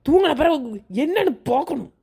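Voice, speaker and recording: A woman's voice: extremely high pitch, expressive, fairly quick, gravelly, warm tone, exaggerated voice. A woman voicing a tired village mother coaxing her child to sleep, in a Kanyakumari Tamil accent. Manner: coaxing, grumbling. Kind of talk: cartoon voice acting.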